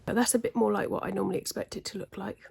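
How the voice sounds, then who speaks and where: A beauty vlogger talks very fast through her makeup routine at home, seated at a desk in daylight, in a casual get-ready-with-me chat with self-deprecating remarks and frequent half-whispered asides. Her mid-range voice is creaky, husky and a little mellow, her tone steady, and her laugh slightly smoky.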